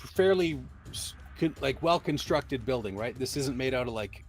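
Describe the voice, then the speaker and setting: A man's voice: medium pitch, expressive, normal speed, a little hiss or hum. A man talking casually as a player in a tabletop game, emphatic and informal.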